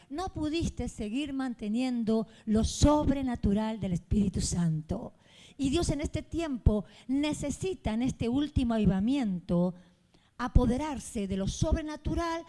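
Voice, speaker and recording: A woman pastor, preaching a fervent sermon in a church and acting out the people in her stories. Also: sits high.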